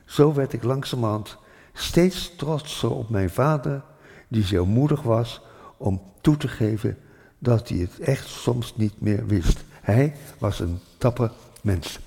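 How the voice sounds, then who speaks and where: An older man from Rotterdam telling a childhood memory in a thoughtful, unhurried way, pausing with hesitant fillers. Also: medium pitch, lively intonation, creaky, dark tone. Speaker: storyteller. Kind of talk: reflective spoken memoir. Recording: long hall reverb.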